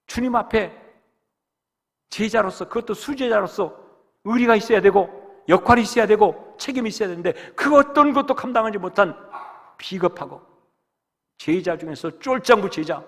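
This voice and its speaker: A man preaching a sermon as pastor, dramatic, rising to loud exhortation and dropping to hushed whispers. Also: high-pitched, moderate pace, long pauses. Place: church sanctuary. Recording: long reverb of a church hall.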